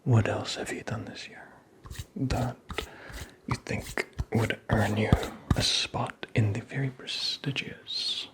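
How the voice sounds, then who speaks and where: Whispering, creaky Santa Claus played by a man. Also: lowish voice, steady tone, slow pace. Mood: amused, gently probing. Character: teasing, vain, playful Santa Claus, old man. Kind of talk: ASMR roleplay.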